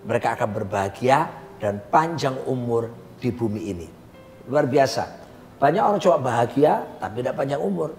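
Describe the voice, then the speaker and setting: This pastor speaks at normal speed in a medium-pitched, darkish voice with lively intonation. Preaching emphatically with a co-host in a coffee lounge, he picks up and repeats his partner's phrases, captured with roomy reverb and a faint hum.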